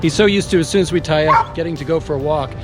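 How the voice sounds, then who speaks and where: A man's voice: on the high side, quick pace, loud music behind the voice. A man hosting a boating vlog as skipper, chatting casually about the trip as it happens. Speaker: boat skipper and vlog host. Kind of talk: casual travel vlog narration.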